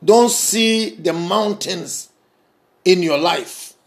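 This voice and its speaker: A man preaching a sermon, emphatic and repetitive, swinging between raised passages and soft, intimate ones. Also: high-pitched, extremely slow, gravelly.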